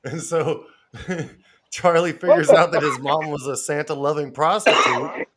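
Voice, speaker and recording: A man's voice: fairly high pitch, a little slow, over a noisy crowd. A man co-hosting a casual podcast, rambling through a crude story and laughing as he retells it. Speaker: podcast co-host.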